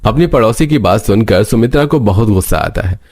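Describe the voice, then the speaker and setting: A man narrates a cartoon story with a steady, even storytelling manner. His voice sits low. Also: fairly quick.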